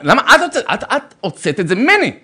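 This man's voice is very high as he delivers an animated religious talk on relationships and marriage. Theatrical throughout, he performs each side of a quarrel, breaks into shouts, and warmly calls listeners brother.

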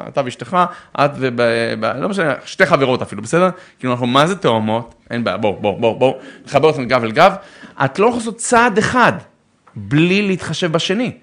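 Speaking in a slightly high voice, a man offers lively, dramatic religious guidance about marriage. He plays both parties in arguments, erupts into shouting at times, and affectionately addresses the audience as brother.

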